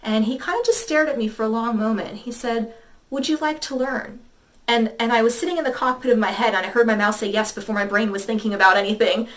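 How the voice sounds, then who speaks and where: A woman's voice: on the high side, quick pace, hardly any pauses. Chatty woman telling a story, slightly distant. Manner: chatty, rambling, many fillers and quoted dialogue. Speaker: tarot reader. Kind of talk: casual storytelling to camera.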